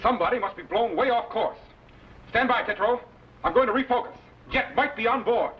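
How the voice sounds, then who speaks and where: A decisive time-travelling captain, high-pitched and brisk, giving clipped technical orders. It is old science fiction serial acting on a noisy, muffled recording. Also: male voice. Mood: decisive, urgent. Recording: noisy, dull vintage broadcast recording.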